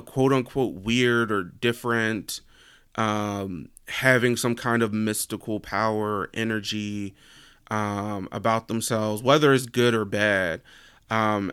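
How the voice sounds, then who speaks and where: Rambling young man, smooth voice. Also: mid-range voice, a bit bright, no echo, studio quality. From United States. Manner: rambling, heavy use of "like" fillers. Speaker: podcast host. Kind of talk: casual solo podcast chat.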